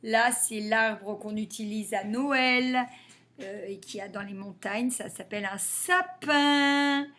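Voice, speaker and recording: A woman teaching a phonics lesson to young children, sounding out letters and syllables slowly and carefully. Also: on the high side, a bit bright.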